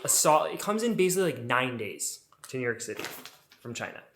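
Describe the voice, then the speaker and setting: A man's voice: medium pitch, big pitch swings, fairly quick, heavy background noise. A man vlogging about his home makeover, explaining things in a casual, chatty way with informal asides to viewers.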